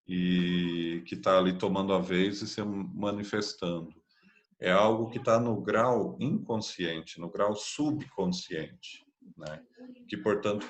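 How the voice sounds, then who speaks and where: A man with a Brazilian Portuguese accent teaching an online spiritist course, explaining patiently and often checking in with tag questions. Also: on the low side. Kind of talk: online class lecture.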